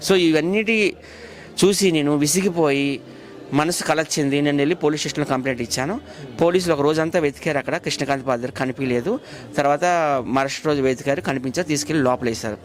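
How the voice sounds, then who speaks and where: A man, talking quickly and insistently about a grievance in an interview. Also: a little high. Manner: aggrieved, rapid and insistent. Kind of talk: casual interview talk.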